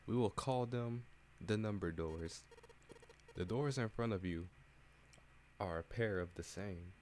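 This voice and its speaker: A mysterious masked captain, cold and implacable, giving slow, measured announcements in a low voice, read by a man. Faint noise sits behind him. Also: darkish tone, natural voice. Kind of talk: reading a game aloud in voices.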